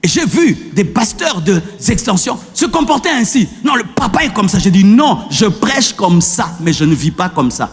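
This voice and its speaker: A man preaching a sermon as pastor, shifting between gentle teaching and shouted exhortation. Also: high voice, sing-song, moderate pace, few pauses, breathy edge, big-room sound, faint music behind. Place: church.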